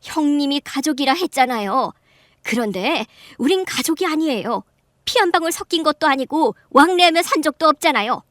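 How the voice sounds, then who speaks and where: A woman's voice: high-pitched, expressive, no room sound, clean studio sound. A middle-aged mother narrating firmly. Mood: angry. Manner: measured storytelling, firm and sharp when confronting. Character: middle-aged mother, calm narrator who snaps in anger. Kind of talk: Korean radio drama narration.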